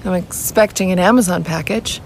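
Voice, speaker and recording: A woman's voice: fairly low pitch, a little fast, background noise, voice pushed down, natural voice. A woman voicing a cheerful young woman who is taken aback when someone assumes she is pregnant, in a comedy sketch. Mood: indignant. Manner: bubbly, then indignant. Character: cheerful young woman offended by a baby question.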